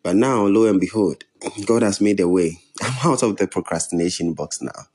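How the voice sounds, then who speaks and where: A young man with a West African accent, hosting a podcast alone in a measured, earnest way. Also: lowish voice, darkish tone, breathy edge. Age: young adult. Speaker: podcast host. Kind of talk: introductory solo podcast talk.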